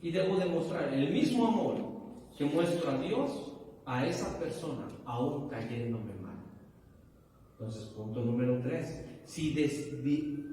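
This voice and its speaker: A man's voice: mid-range voice, slow, warm tone, slight background noise. A man preaching a sermon as pastor, questioning his listeners and rising to emphatic bursts. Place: church hall. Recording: echoey hall, from far off.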